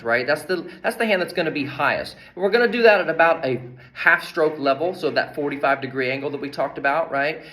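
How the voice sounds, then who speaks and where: A man's voice: fairly high pitch, fairly bright tone. A man teaching percussion rudiments, explaining each exercise, counting beats aloud and often adding "right?". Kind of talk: instructional demonstration. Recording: drums playing between spoken lines. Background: drum playing.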